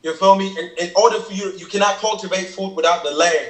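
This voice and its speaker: A Cameroonian rapper whose first language is Kenyang breaks down his lyrics in a casual reaction chat, earnestly explaining at length and repeatedly asking "you feel me." His voice sits high and he talks fast, in an echoey room.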